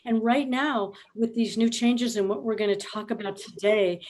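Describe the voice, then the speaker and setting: A woman's voice: on the high side, steady tone, normal speed, a little mellow, a little hiss or hum. A middle-aged woman speaks as a guest on a conference panel. She sounds enthusiastic and passionate, with a few ums along the way. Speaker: hospitality trainer and author. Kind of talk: conference panel self-introduction.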